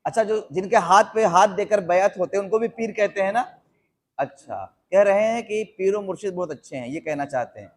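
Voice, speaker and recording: A man preaching to a seated audience, asking them questions and repeating phrases slowly for emphasis. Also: high voice. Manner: slows down to spell out quoted phrases. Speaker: Islamic preacher. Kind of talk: live sermon to a seated audience.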